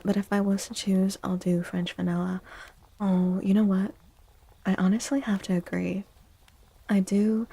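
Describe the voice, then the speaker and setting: On her ASMR livestream, a woman with a mid-range, gravelly, husky voice chats softly and often whispers. Her manner is gentle, playful, cutesy and affectionate.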